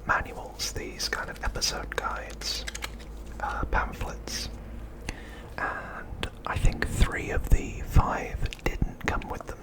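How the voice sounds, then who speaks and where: An ASMR host improvises show-and-tell commentary in a quiet, breathy whisper with no voicing, moving along slowly. The recording is rough.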